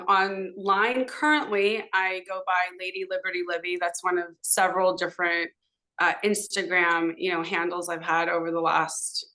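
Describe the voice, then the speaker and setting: This clip has low recording quality and features a woman with a lowish, sharp-toned voice. She is a middle-aged native Hebrew speaker from Southern California in the United States, appearing as a podcast guest and talking informally, at length and in a rambling way, in a casual conversational interview.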